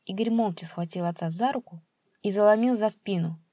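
A woman reading a grim short story aloud at an even, steady pace. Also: medium pitch, brisk, dry recording, studio quality. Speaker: narrator.

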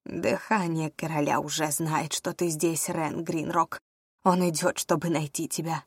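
Woman doing an old seer woman, hushed slow prophetic voice, low, audiobook. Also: fairly even intonation, husky, no echo, heavily acted. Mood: ominous. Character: eerie old seer woman, calm and ominous.

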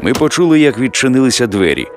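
A man reading a science fiction audiobook aloud, expressive and lifting his voice for the dialogue. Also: mid-range voice, fast talker, soft background music. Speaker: audiobook narrator. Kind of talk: scripted audiobook narration.

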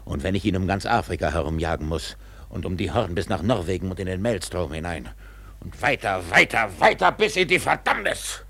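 A whaling captain consumed by revenge in a radio drama. His low voice is husky and creaky, commanding and declamatory, and it rises and falls widely as he broods and rallies. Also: very animated, fairly quick, pushed and bright, full character voice. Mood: vengeful. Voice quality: gravelly, husky. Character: obsessed, vengeful whaling captain with one leg. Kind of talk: German radio drama acting.

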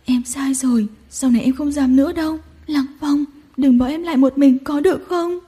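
A woman's voice: high-pitched, steady tone, normal speed, dark tone, pitched above the performer's own voice, close to an everyday voice. A woman reading a storybook and voicing a tearful, clingy young woman who pleads between sobs. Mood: sobbing, pleading. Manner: sobbing, pleading, breathy.

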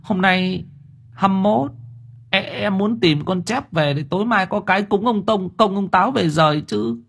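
A man voicing an excitable, fawning village man who talks high and whiny. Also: unhurried, vocal fry, slightly rough, heavily acted. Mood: whiny pleading. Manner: high, whiny, emotional pleading.

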